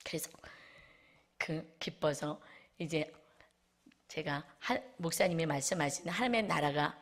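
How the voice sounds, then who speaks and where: A woman pastor preaching a sermon, speaking emphatically and swinging between loud exclamations and soft, hushed asides. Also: sits low, unhurried.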